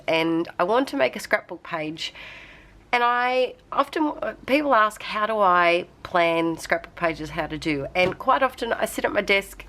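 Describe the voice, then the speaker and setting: A young woman who's coming down with a slight cold hosts a craft channel, chatting casually from her desk as she rambles through a tutorial with lots of fillers. Her voice is mid-range and fairly bright.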